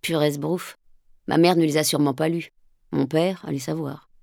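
A woman's voice: sits low, steady tone, normal speed, gravelly, a little mellow, no echo, studio quality. A woman voicing a sullen, scornful teenage boy who answers in curt, dismissive retorts.

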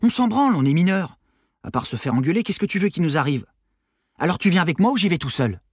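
Brief: man playing a pushy teenage boy, crude and excitable, lively high swoops, slightly husky, dry close sound. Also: fast, dry recording. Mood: brash. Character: brash foul-mouthed teenage boy, restless.

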